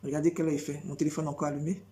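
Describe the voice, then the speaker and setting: Prédicatrice à la voix grave et sombre. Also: female voice, deep voice, little pitch movement, very fast, warm tone. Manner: repetitive, rhetorical questions, emphatic. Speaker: preacher. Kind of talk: spontaneous preaching monologue.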